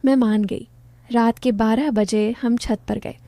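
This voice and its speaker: A woman tells a first-person story in a soft, low-key voice. Her pitch sits fairly high, but her tone is mellow and warm. The recording is close and dry, with no room sound. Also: fairly even intonation, unhurried, no room sound.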